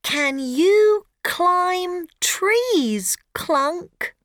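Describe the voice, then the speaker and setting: A woman's voice: extremely high pitch, lively intonation, extremely slow, fairly bright tone, no room sound, clean studio sound, pitched above the performer's own voice, full character voice. A woman voicing a cheerful young girl in a storybook read for learners, eager and sing-song.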